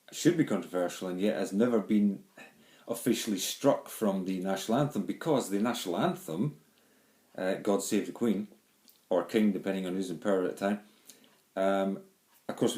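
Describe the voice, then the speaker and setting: A Scotsman from Glasgow, middle-aged, speaks in a low, slightly mellow voice with a Glaswegian accent. He meanders through a home video monologue, often saying um and starting over, recorded by handheld phone or camera in a reverberant room.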